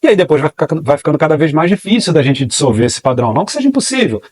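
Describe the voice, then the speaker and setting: Fast-talking Brazilian dog trainer, man. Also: a little high, sing-song, a little mellow. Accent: Brazilian Portuguese. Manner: explanatory, repeats key phrases, asks and answers own questions. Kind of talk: online training class.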